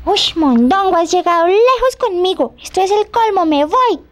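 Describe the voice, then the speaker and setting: A woman's voice: very high-pitched, lively intonation, normal speed. A woman voicing a sweet but easily indignant female puppet presenter, coy and theatrical. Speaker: guest presenter. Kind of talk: puppet show dialogue.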